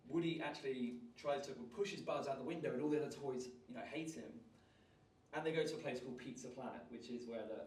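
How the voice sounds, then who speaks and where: A man, leading a lively public speaking workshop and raising and dropping his energy on purpose. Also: mid-range voice, a little hiss or hum. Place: large room at a live workshop. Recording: roomy sound, voice from far off.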